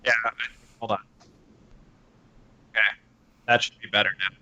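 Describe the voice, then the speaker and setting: A man's voice: lowish voice, flat delivery, normal speed, sharp tone, muffled recording. Man on a clipping, distorted mic. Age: 20s. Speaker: podcast guest. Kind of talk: casual chat.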